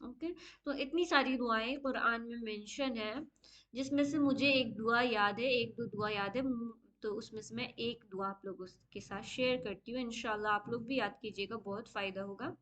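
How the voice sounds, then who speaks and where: A woman with a high voice gives a patient online recitation lesson and walks through each rule step by step. The audio is slightly dull and lo-fi. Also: steady tone, a bit bright. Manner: patient, explains step by step, often says okay; slow drawn-out chanted Arabic recitation. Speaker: Quran recitation teacher.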